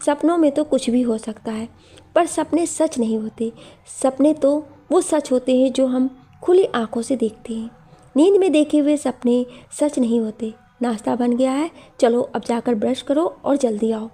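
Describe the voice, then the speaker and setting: A woman voicing a caring mother who gently scolds and comforts her son. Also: high-pitched, normal speed. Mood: comforting.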